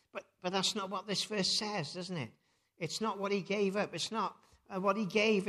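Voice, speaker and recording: A man's voice: fairly high pitch, fairly bright tone. A man preaching a reflective sermon before a communion service, with many rhetorical tag questions and thoughtful hesitations.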